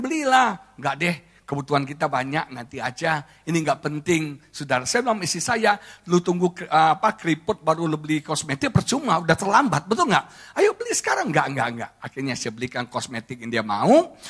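A middle-aged man from Indonesia preaching a sermon as pastor, telling stories with lively acted quotes and jokes. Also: a little high, husky.

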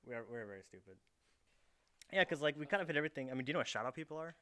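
A young man hosts a casual podcast from his bedroom, recorded by a camera set up in the room. His voice sits on the high side and is smooth, a bit bright and expressive, and he talks very fast, rambling through stories packed with fillers.

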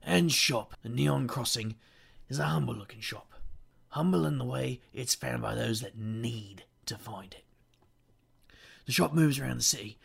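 Man as a gravelly, sardonic noir detective. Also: medium pitch, full character voice. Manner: wry, self-deprecating, sardonic. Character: wisecracking, weary urban-fantasy detective, adult man. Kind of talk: noir first-person monologue.

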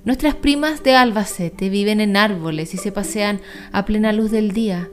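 A woman's voice: mid-range voice, moderate pace, faint music behind, lightly acted. A woman voicing a cautious, fussy mother bat in a storybook reading, talking in a worried, scolding way. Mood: supportive.

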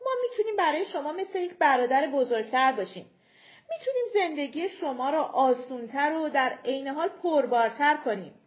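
A woman's voice: high-pitched, animated, muffled recording, voice pushed up. A woman voicing a persuasive giant leader who coaxes the tiny folk to come down from a mountain in an audiobook. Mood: coaxing. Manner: coaxing, persuasive.

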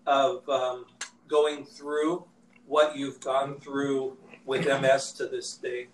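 A man's voice: mid-range voice, level tone, takes it slowly. A man from a small group asking rambling, self-interrupting interview questions. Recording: distant, echoey mic with faint noise.

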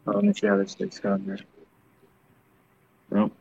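Twenties guy calling in on his phone, relaxed coach talk, kinda muffled lo-fi sound. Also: on the low side, normal speed, vocal fry, husky. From Texas. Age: mid-twenties. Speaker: caller, college swim coach. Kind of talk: casual chat. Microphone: phone on a video call.

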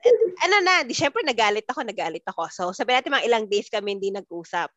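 Speaking quickly in a sing-song, pushed, bright mid-range voice with no echo, this woman shares a personal anecdote on a podcast she co-hosts. The chat with friends is casual, and she theatrically performs each message she quotes.

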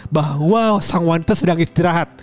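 A man's voice: a little high, fairly quick. A young man with a Jakarta-area accent chats casually and comedically, teasing in loose slang with some swearing. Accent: Jakarta-area Indonesian.

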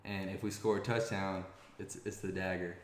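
A young man with a somewhat low voice tells a sports story in casual interview talk. He rambles and restarts often. The room around him rings with echo. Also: moderate pace. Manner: rambling, many restarts, grows excited. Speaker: former college quarterback guest. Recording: echoey room.

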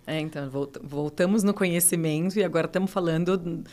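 Woman host, lowish voice, casual interview, agreeing, repeats the guest's words. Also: steady tone, a little fast, mellow.

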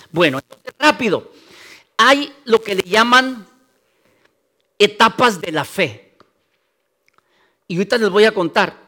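A male pastor preaching a sermon, acting out listeners' doubts in quick asides. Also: sits high, sharp tone.

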